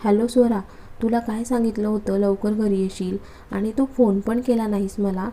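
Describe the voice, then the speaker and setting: A woman's voice: medium pitch, steady tone, normal speed, warm tone, close to an everyday voice, low-quality recording. A woman voicing a hot-tempered, bossy but loving young husband in a spoken story, scolding and then coaxing. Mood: angry.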